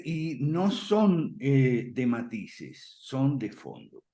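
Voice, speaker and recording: A man explaining ideas in conversation, firm and emphatic, often checking in with a quick "ok?" and soft chuckles. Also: mid-range voice, sing-song. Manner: emphatic, repeats points firmly. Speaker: guest speaker on classical liberalism.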